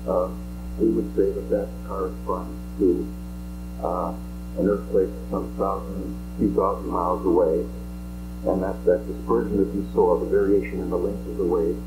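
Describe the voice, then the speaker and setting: A man answering as a scientist at a press conference, measured, analytical and careful to call his conclusions tentative. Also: low-pitched, rough recording. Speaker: scientist, seismic investigator. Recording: archival audio with background hum.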